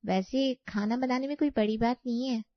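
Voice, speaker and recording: Woman doing a meek, soft-spoken young bride. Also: a little high, normal speed, no room sound, dull audio, pitched above the performer's own voice, lightly acted. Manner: soft, humble. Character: meek gentle young daughter-in-law, sad.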